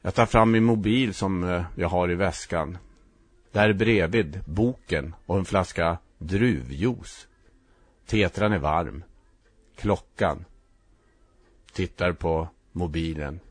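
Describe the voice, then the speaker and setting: A man narrating a first-person story in a reflective, halting way, with short clipped sentences. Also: low voice, slightly rough, no room sound.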